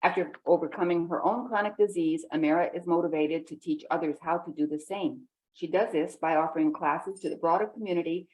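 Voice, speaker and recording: A woman hosting a podcast, reading a guest introduction, then chatting in a slightly halting way. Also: lowish voice, a little mellow, poor audio. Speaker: podcast host. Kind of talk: podcast intro and casual interview.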